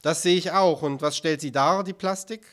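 A man's voice: fairly high pitch, normal speed, fairly bright tone, lightly acted. A man reading an audiobook, voicing an indignant, stiff male museum director who scolds in a raised voice. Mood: incredulous. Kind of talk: audiobook character voice.

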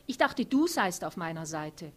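A woman reading a novel aloud and voicing a young empress, upset and grieving, her lines a bit higher and louder than the narration. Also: steady tone, normal speed, lightly acted. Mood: irritated. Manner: agitated, defensive, later mournful.

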